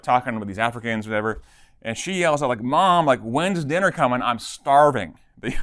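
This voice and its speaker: A man with a fairly low voice teaches a Bible class in a loose, rambling way. He keeps checking in with his listeners and circles back on his own points. The sound is close and dry. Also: a bit bright, dry recording. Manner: rambling, conversational, many fillers and tag questions.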